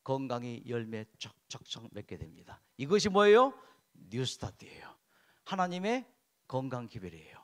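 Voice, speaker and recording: A man's voice: mid-range voice, very animated, normal speed, a bit bright. A male pastor giving a health sermon in church, often asking the congregation questions and answering them himself. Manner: drills listeners in call-and-response repetition.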